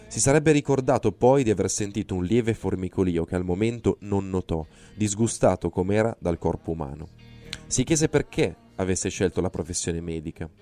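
Man, reader, low voice, mellow tone, measured narration, faint music behind. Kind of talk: audiobook reading.

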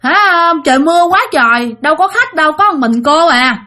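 A woman's voice: high-pitched, lively intonation, normal speed, bright, forceful tone, voice pushed up. A woman with a Southern Vietnamese accent voicing a fussy middle-aged café owner who exclaims and chides. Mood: exclaiming. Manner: exclaiming, chiding.

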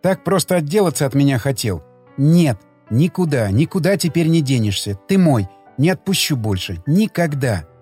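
A man voicing a tearful woman who speaks in soft, pleading tones to her lover. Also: fairly high pitch, big pitch swings, moderate pace, breathy edge, faint music behind. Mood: clinging.

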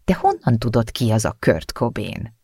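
A man's voice: medium pitch, very animated, mellow, dry recording, clean studio sound. A man voicing a rebellious teenage girl in an audiobook; she talks in a sulky, pleading way and sometimes drops to a whisper. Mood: surprised.

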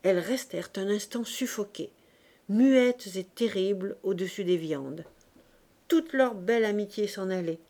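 Woman audiobook reader, classic novel, measured and expressive narration. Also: mid-range voice.

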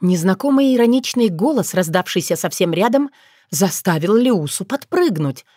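A woman's voice: mid-range voice, expressive, normal speed, darkish tone, dry recording, studio quality. Woman narrating an audiobook.

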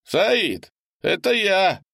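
Male narrator doing high-pitched, yelling, panicked freezing geologist, audiobook, dry close sound. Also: sing-song, very slow, vocal fry, slightly rough, no echo, exaggerated voice. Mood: desperate shouting. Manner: shouting, pleading. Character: desperate freezing male geologist pounding on door.

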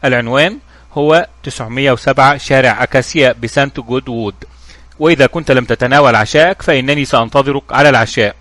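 A polite lawyer invites his guest over the phone with courteous, steady words, as a storyteller plays him. The voice stays middle-pitched and dry. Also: fast, no echo, lightly acted.

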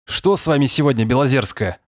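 A man's voice: medium pitch, brisk, no room sound, studio quality, pitched above the performer's own voice, natural voice. A man voicing a furious, stout middle-aged police lieutenant colonel who scolds with bellowing sarcasm. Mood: raging.

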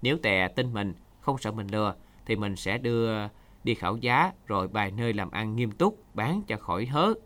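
A man reading a short story aloud for a radio program in an expressive storytelling manner. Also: on the low side, moderate pace. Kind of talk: scripted narration.

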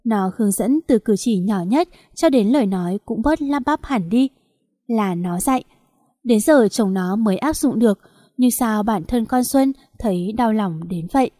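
A woman reading a novel aloud as narrator, in a steady, even storytelling manner. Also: on the high side, normal speed, no echo, clean studio sound. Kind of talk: scripted audiobook narration.

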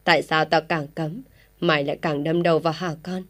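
A woman's voice: low-pitched, steady tone, a little fast, close to an everyday voice. A woman voicing a furious stern old father. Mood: furious scolding. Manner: harsh scolding shouts.

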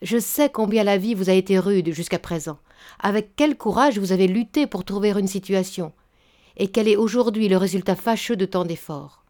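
A woman reading a story aloud, voicing an old spinster matchmaker who speaks in a flattering, unctuous way. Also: mid-range voice, moderate pace, close to an everyday voice. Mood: coaxing. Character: old honey-tongued spinster matchmaker, scheming. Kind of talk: audiobook reading.

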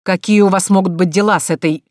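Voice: medium pitch, steady tone, quick pace, darkish tone, no echo, clean studio sound, close to an everyday voice. A reader voicing a coarse, sneering nobleman who barks insults in an audiobook. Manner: spiteful, barking insults. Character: brutal sneering nobleman, a grown man. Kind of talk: audiobook character voice.

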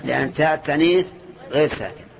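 Older Najdi scholar teaching grammar. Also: male voice, fairly high pitch, creaky, a faint crowd. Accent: Najdi Saudi Arabic. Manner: slow and deliberate, quizzes students with rhetorical questions. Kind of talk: mosque lesson on grammar. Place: large mosque. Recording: dull lo-fi cassette recording.

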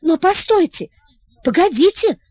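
A woman's voice: extremely high pitch, big pitch swings, unhurried, darkish tone, no echo, voice pushed up, heavily acted. A woman reading the part of an anxious, tearful young princess who pleads and asks breathless questions. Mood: excited.

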